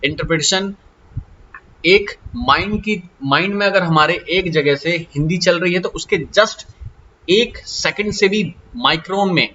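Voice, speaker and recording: A man's voice: high voice, measured pace, bright, forceful tone. A man teaching a grammar lesson, repeating examples and checking in with "okay" often. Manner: repetitive, coaxing, checks with "okay" and "hai na". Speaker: Japanese teacher. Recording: slightly dull lo-fi audio with faint hiss.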